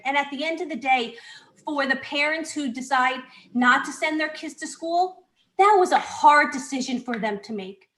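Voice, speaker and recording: A woman's voice: sits high, fairly bright tone, echoey room, low-quality recording. A woman giving an earnest, emotional public comment as a parent on a video call.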